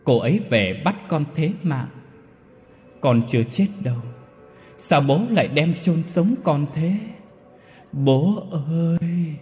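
A man voicing the ghost of a young boy, whispering slow accusing pleas. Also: fairly high pitch, animated, darkish tone, in a large hall, soft background music, voice pushed up. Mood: mournful accusing.

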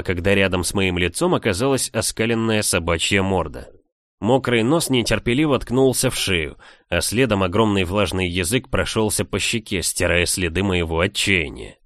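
A man narrating a first-person audiobook in a calm, even reading manner. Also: low-pitched, dry recording, clean studio sound. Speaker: audiobook reader.

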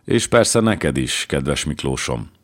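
A man voicing a sly, scheming count who speaks with quiet menace, in an audiobook reading. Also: a bass voice, big pitch swings. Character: scheming red-haired German count.

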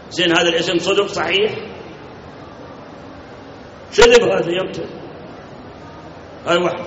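A man's voice: sits high, fairly bright tone, a little hiss or hum. A man giving a sermon as a cleric, emphatic, repeating key words and asking his listeners questions. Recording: echoey hall, distant mic, lo-fi.

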